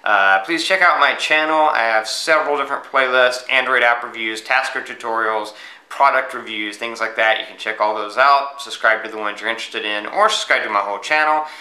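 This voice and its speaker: Bright-toned American man in an echoey room. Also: medium pitch, a little fast. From United States. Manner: rambling, many fillers and restarts. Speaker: tech reviewer, channel host. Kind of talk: casual app review.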